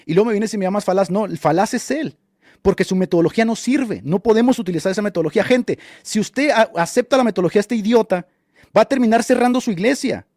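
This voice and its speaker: Fast, high-voiced scornful male radio host. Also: darkish tone, no room sound, studio quality. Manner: mocking and scornful, insults opponents; argumentative, lecturing with rhetorical questions. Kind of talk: combative live commentary answering a chat.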